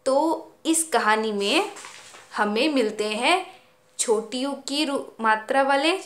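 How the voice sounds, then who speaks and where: A woman schoolteacher patiently teaching young children, stretching out each word slowly for them to repeat. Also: high-pitched, animated. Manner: slow, drawn-out word-by-word pronunciation drills; patient, explaining and asking children questions. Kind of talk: Hindi phonics lesson for young children. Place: school classroom. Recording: echoey room.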